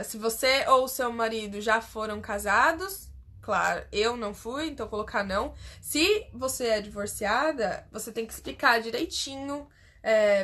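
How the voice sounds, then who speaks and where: A woman's voice: on the high side, a bit bright. A young Brazilian woman with a Brazilian Portuguese accent, chatting casually on a phone livestream as she explains a form step by step. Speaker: host.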